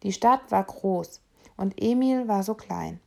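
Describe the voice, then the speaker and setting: Woman, storybook narration, expressive, gravelly, mid pitch. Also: unhurried. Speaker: reader. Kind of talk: audiobook narration of a children's novel.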